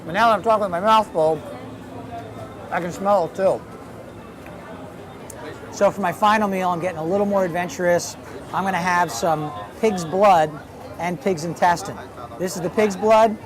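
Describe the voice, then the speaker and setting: A man's voice: high-pitched, moderate pace, pauses often. A man hosting a travel show, chatting casually as he tries street food at an outdoor night market. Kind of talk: casual on-location food commentary. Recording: noisy crowd outdoors. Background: busy crowd chatter.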